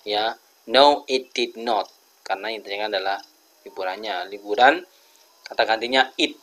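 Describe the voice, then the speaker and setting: A man with an Indonesian accent teaching English grammar, explaining each example slowly and deliberately. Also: on the low side, fairly bright tone. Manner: slow, deliberate, switches between two languages.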